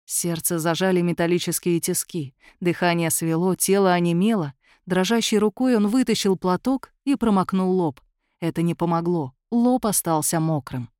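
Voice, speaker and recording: A woman's voice: fairly low pitch, moderate pace, darkish tone, dry recording. Woman narrating a story, dry sound. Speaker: audiobook narrator. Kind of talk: scripted narration.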